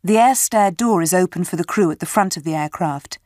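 A woman's voice: on the low side, a little fast, darkish tone, dry recording, clean studio sound. A woman describing a picture in a methodical, matter-of-fact way.

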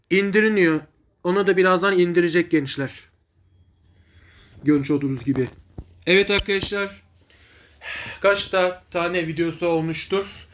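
A man giving informal vlog commentary on his videos in a rambling, repetitive, halting way. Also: high-pitched, fairly bright tone. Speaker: video channel host.

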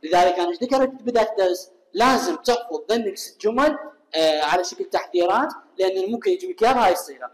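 Iraqi guy teaching english, talks fast, echoey room with a long reverb tail. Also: high voice, sing-song. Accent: Iraqi Arabic. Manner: explains quickly, reads English examples slowly and carefully; asks students questions and answers them himself. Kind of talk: recorded classroom lesson.

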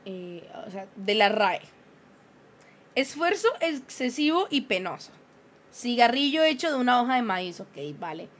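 A young woman, a streamer chatting casually with her viewers and telling a story in an animated, self-mocking way. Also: a little high, a little slow.

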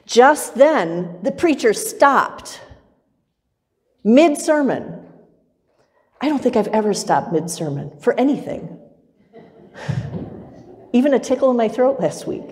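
Middle-aged woman pastor, higher voice, slow measured sermon, church reverb. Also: animated, a little mellow. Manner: measured, rhythmic preaching with repetition. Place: church sanctuary with pipe organ, far camera.

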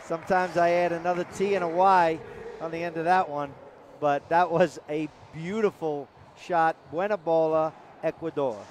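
A man with a New York accent calls the action as a sports commentator. His voice sits fairly high, and he talks in an easygoing, chatty way while breaking down each play. A clear layer of noise runs under the recording. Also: steady tone, moderate pace. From New York area. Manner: chatty, laughing easily, explaining plays.

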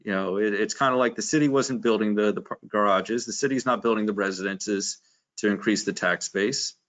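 A man's voice: fairly low pitch, brisk, fairly bright tone. Man talking through a face mask. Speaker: mayor chairing a commission meeting. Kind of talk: public meeting discussion. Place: public meeting room.

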